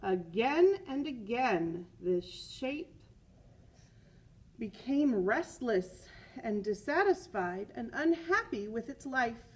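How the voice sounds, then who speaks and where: Reading a children's picture book aloud like a teacher, a woman speaks slowly in a fairly high, breathy voice. She is expressive, stresses words, repeats them for emphasis, and drops in chatty asides.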